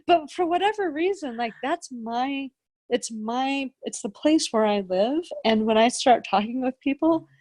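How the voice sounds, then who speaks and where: A woman's voice: high voice, lively intonation, measured pace, a little mellow, no room sound. A woman co-hosting a podcast, talking in a rambling, reflective way with frequent restarts as she searches for words. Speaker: podcast co-host. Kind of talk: casual spiritual conversation.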